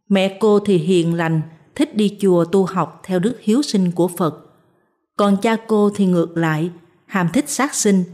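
Woman storyteller, scripted narration, calm even reading, low voice, mellow tone.

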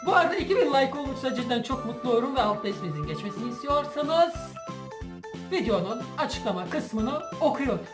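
A woman with a high voice hosts a challenge vlog in casual, animated chat. She sounds giggly, as someone trying not to laugh. The room is echoey, with clear music behind her. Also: fast. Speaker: YouTube challenge host. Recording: roomy echo, music behind.

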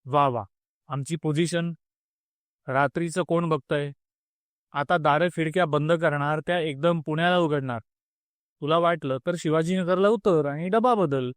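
A man voicing a sly, impassive male friend who talks in a flat, matter-of-fact way. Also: on the high side, brisk, dry recording, lightly acted. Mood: offhand.

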